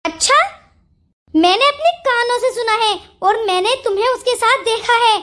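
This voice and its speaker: A woman's voice: very high voice, moderate pace, fairly bright tone. A woman voicing an angry young ex-wife in a Hindi cartoon story, blunt and accusing. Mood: scolding. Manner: scolding, accusing.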